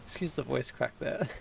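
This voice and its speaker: With music under his voice and a little hiss or hum, a man from Australia gives casual commentary while streaming a strategy game, musing to himself and self-correcting. His voice is medium-pitched and creaky.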